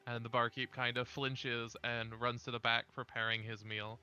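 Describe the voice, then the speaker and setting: A man narrating as dungeon master, in a relaxed way with frequent fillers. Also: medium pitch, moderate pace, clear, resonant tone, highs cut off. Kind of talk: narrating a tabletop game.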